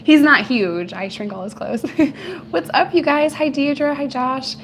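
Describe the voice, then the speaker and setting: A woman whose voice is hoarse and giving out, chatting casually and playfully with viewers as host of a live stream. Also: high voice, unhurried, a little hiss or hum. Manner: playful, teasing, slangy. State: voice giving out, hoarse from recent voice loss.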